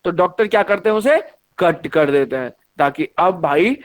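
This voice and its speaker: A man teaching an online science class, lively and often checking that the students follow. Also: high voice, moderate pace.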